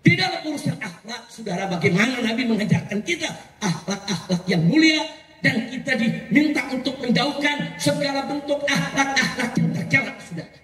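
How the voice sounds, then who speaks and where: Fiery male preacher, call-and-response style, booming hall reverb. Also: expressive, moderate pace, faint music behind. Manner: shouting, rhetorical call-and-response questions. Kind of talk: fiery sermon to a crowd. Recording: echoey hall from far off.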